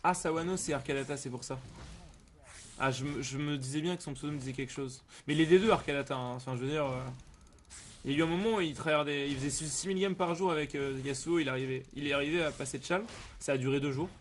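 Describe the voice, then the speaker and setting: A man's voice: on the high side, steady tone, fast talker. A man streaming a video game with casual, rambling commentary full of gamer slang and repetition. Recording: clear background noise.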